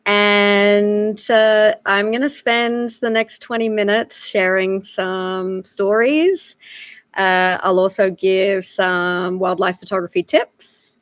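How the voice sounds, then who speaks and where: A woman in her thirties with an Australian accent gives a laid-back live-stream lesson from home in South Africa, chatting easily and leaning on lots of "uh" and "um." She talks slowly at a medium pitch, in a dry recording.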